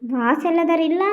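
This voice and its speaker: A woman voicing Radha, a chatty young office worker who talks too much, with a North Karnataka accent and rapid gossipy chatter. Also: very high-pitched, muffled recording, heavily acted. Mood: teasing. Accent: North Karnataka Kannada.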